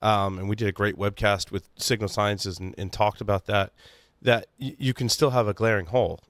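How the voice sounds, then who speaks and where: A man's voice: lowish voice, fairly even intonation, moderate pace, no echo, clean studio sound. A man co-hosting a casual tech podcast, talking in a loose, chatty way and correcting himself as he goes. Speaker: podcast co-host.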